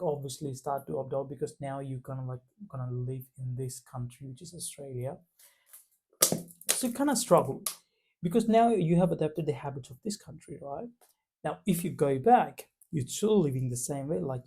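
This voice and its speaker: This Punjabi vlogger speaks in an Indian accent with a medium-pitched, dark voice. He talks reflectively to the camera, his phrasing loose, casual and full of fillers.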